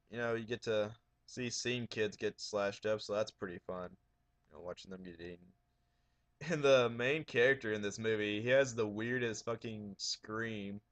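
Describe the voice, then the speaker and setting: A man with a horror DVD collection, talking casually in a raised, loud, profane voice. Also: on the low side. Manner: raising his voice, loud and profane. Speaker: horror DVD collector showing his shelf. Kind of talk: casual video blog.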